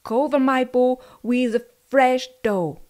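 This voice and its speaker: A woman's voice: high voice, extremely slow, darkish tone. A woman voicing a sly, menacing male wolf in a storybook who fakes a mother's voice and talks in a coaxing manner. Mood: threatening. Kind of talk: storybook narration.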